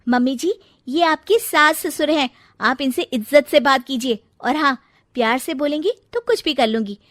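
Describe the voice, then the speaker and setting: A woman's voice: high voice, moderate pace, a bit bright, no echo, clean studio sound, pitched above the performer's own voice. Woman doing a sassy young daughter-in-law. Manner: cheeky, talks back with sarcasm. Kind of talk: cartoon voice acting.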